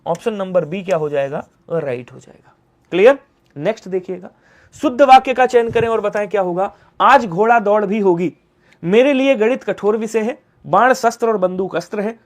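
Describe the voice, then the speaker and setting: A male teacher running a fast online exam-prep class, firing quick call-and-response questions at his students. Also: high-pitched.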